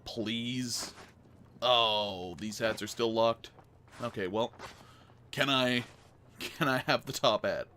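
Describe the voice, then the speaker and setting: A man narrates his detective-game playthrough in a rambling, self-mocking way. His voice is mid-pitched and ordinary. He stammers and loses his train of thought. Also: slow, long pauses, bright, forceful tone, slight background noise. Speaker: gamer playing a detective game. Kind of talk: let's-play commentary.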